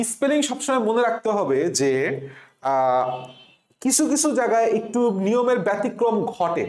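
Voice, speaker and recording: A man's voice: high voice, darkish tone, reverberant. A male tutor teaching spelling for an admission exam. He breaks words into separate sounds, repeats them, and asks rhetorical questions.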